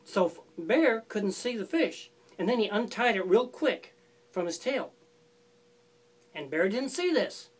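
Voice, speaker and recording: Woman, storyteller, oral folk tale, conversational, expressive pitch. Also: measured pace, husky. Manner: relaxed, conversational telling with repetition.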